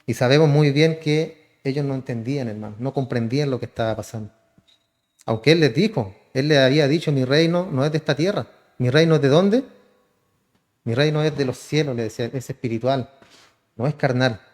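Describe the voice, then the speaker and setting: A man's voice: medium pitch, fairly quick, darkish tone. A man, a pastor preaching a sermon, often calling listeners "hermano" and answering his own questions. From Chile. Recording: church hall reverb.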